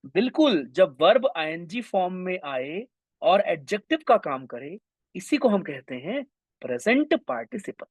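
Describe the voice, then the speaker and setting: A young man teaching English grammar in an online exam-prep class, energetic and mixing English terms into his talk. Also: high voice, measured pace, breathy edge, no room sound. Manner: energetic, mixes Hindi with English terms, addresses students as brothers.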